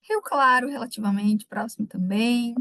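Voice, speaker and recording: A woman from Rio Grande do Sul in southern Brazil, speaking with a light Gaúcho Portuguese accent, hosts a live webinar from a computer mic. Her voice sits on the high side at a normal pace, with studio-quality sound and no echo. She's chatty and warmly greets viewers by name.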